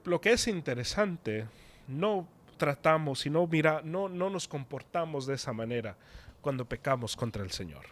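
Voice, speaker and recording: A man's voice: on the high side, lively intonation, normal speed. A man preaching a sermon in an earnest, conversational way.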